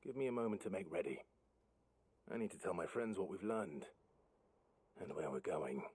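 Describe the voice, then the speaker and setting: A male actor playing a resolute, brooding young fantasy hero in a video game, husky and grave, with terse, restrained delivery. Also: sits low, animated, normal speed, a little mellow, heavily acted. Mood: purposeful.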